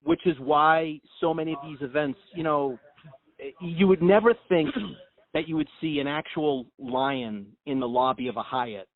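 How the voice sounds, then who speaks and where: Halting man on a tinny phone line. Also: fairly high pitch. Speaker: prank caller posing as a company representative. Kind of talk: earnest business phone conversation.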